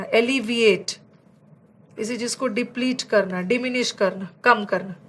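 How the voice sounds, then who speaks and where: A woman teaching an English vocabulary lesson with an Indian accent, explaining in Hindi and slowing down to read out English example sentences. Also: a little high, fairly bright tone.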